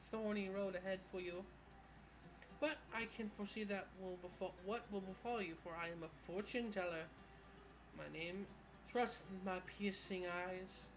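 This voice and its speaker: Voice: mid-range voice, a little hiss or hum, pitched above the performer's own voice, close to an everyday voice, low-quality recording. A video game player voicing a theatrical fortune teller with a creepy, self-assured, portentous delivery. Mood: ominous, coaxing.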